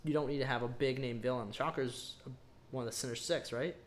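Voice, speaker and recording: A man's voice: mid-range voice, fairly even intonation, quick pace, a little hiss or hum. A man co-hosting a podcast, giving a casual, rambling movie review full of ums and emphatic verdicts. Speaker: podcast co-host.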